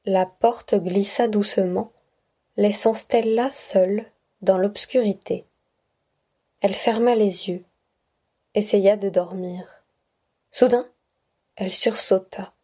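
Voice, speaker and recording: A woman reads a short story aloud in a mellow, warm voice. Her pace is slow and measured, like a bedtime reading. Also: medium pitch, steady tone, breathy edge. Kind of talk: scripted narration.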